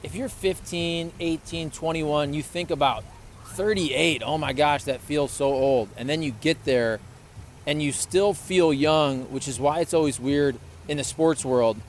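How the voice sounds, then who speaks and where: A man in his late thirties co-hosting a podcast in relaxed, chatty conversation. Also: on the high side, measured pace, slight background noise. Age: 30s. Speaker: podcast co-host. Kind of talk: casual chat.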